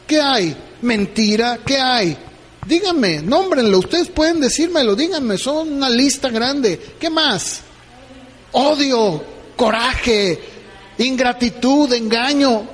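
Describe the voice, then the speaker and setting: A man's voice: extremely high pitch, animated, takes it slowly, long reverb tail. A man preaching a sermon as pastor, questioning his listeners and acting out conversations. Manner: asks the congregation questions, acts out dialogues.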